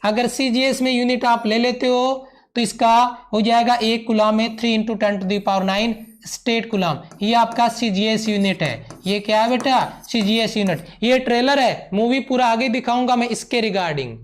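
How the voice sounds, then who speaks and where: A man teaching a live online physics class, repeating each point and gently calling his students "beta". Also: very high-pitched, moderate pace. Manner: mixes English terms into Hindi.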